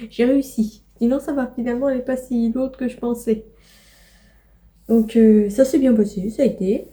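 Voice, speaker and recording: A woman's voice: a little high, fairly even intonation, normal speed, long pauses, mellow. A young woman chatting casually in a home vlog, rambling with many fillers and cooing to her pets. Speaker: vlogger.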